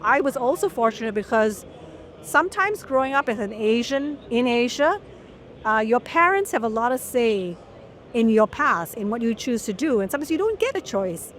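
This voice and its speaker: A middle-aged woman from Malaysia, a journalist being interviewed, telling her story in an articulate, measured way. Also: a little high, sing-song, fairly bright tone. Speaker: guest journalist. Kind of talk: long-form interview.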